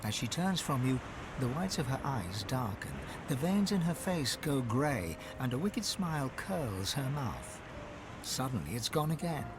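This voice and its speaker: An actor playing a solemn, dramatic storyteller narrating a video game. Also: male voice, mid-range voice, sing-song, measured pace, background noise.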